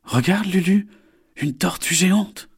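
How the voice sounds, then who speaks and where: A man's voice: a little high, moderate pace, darkish tone, slightly rough, pitched above the performer's own voice. A man voicing a naive young female snapping turtle in a storybook, talking in a bouncy, innocent way. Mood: chirpy.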